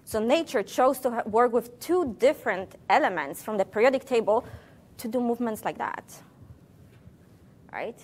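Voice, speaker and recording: A woman's voice: a little high, animated, normal speed, pauses often, a little mellow. Playful woman scientist quizzing her audience. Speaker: scientist giving a public lecture. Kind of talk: public science talk to a live audience.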